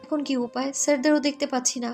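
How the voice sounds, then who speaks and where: A woman voicing a sharp, scolding young passenger. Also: high-pitched, fairly even intonation, fast, faint music behind, lightly acted.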